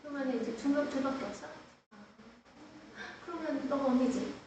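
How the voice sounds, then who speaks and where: A middle-aged woman teacher with a high voice works through grammar points for her class, talking the students through each step. She sounds far from the microphone, in a very echoey classroom. There is clear background noise behind her. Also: a little fast, darkish tone. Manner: explains step by step and tells students to take notes, with asides to them. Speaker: English teacher.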